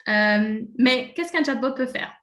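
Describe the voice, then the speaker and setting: A woman's voice: a little high, measured pace, fairly bright tone, echoey room. A Swiss-French woman gives a casual live webinar presentation, chatty and full of fillers. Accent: French-speaking Swiss, speaking in a French way. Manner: casual and chatty, many fillers, laughs at slips.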